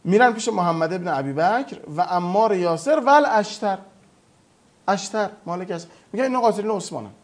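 A man with an animated, high-sitting voice appears as a guest on a talk program. In lecture-style storytelling, he retells religious history emphatically, acting out quoted dialogue.

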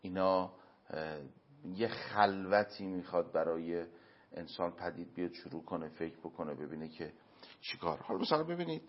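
Male interview guest, low register, earnest moral teacher who makes his point with examples; muffled lo-fi audio. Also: expressive. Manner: earnest, explaining with everyday examples and emphatic pauses. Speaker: interview guest giving religious advice. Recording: dull lo-fi recording.

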